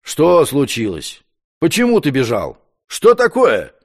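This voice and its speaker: A man's voice: fairly high pitch, lively intonation, unhurried, gravelly. A man voicing a powerful, short-tempered prince who barks orders in a storybook reading. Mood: imperious. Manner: commanding, scolding. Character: imperious irritable powerful prince.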